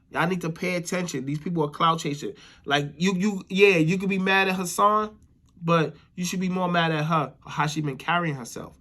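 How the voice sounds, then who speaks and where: Casual and opinionated, an American man comments as a YouTuber in a fairly high-pitched, fairly bright voice. Phrases get repeated for emphasis, and he frequently checks in with tags like "you know what I'm saying."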